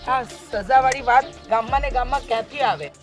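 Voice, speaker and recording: A woman's voice: fairly high pitch, brisk, faint music behind, lightly acted. An actress playing a village woman accused of theft, who protests and pleads. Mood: pleading. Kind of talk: village family stage drama.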